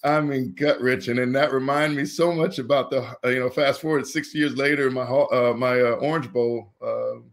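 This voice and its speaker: As a guest in a casual interview, this former college football player from Indianapolis, USA, now in his fifties, spins stories and animatedly acts out those he quotes. His voice is mid-range, his pace moderate, and he hardly pauses.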